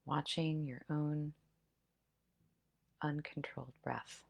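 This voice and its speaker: A woman guiding a slow breath-counting meditation, giving gentle, quiet instructions with pauses. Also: low-pitched, little pitch movement, vocal fry. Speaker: meditation guide.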